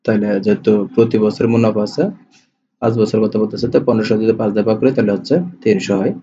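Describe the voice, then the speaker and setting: Speaking fast in a low, level voice that's dark and husky, a Bangladeshi tutor works through exam questions, reading each before repeating its answer. Faint hiss runs through the dull lo-fi voice-over.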